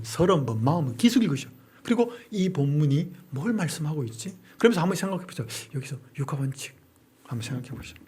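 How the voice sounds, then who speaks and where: Husky, fairly high-voiced male pastor lecturing. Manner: drills the audience with rapid question-and-answer; asks and answers his own rhetorical questions. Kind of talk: Bible-study lecture.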